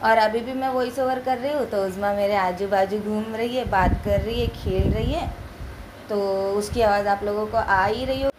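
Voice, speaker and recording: A young woman from India giving a chatty, loud voice-over for her home family vlog. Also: mid-range voice, fairly even intonation, normal speed, background noise. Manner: talks loudly and chattily to viewers. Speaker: family vlogger. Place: at home, indoors.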